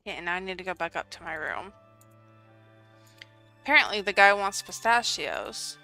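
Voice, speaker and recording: A woman's voice: fairly low pitch, expressive, normal speed, pushed and bright, faint music behind. A woman giving casual gameplay commentary as she works through a video game. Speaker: game streamer.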